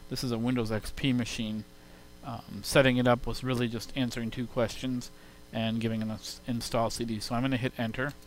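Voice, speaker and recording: A man's voice: mid-range voice, flat delivery, fairly quick, few pauses, low-quality recording. A man giving an informal, step-by-step spoken demo in an explanatory way. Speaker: software demonstrator. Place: recorded on a computer sound card. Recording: hissy home computer sound-card input.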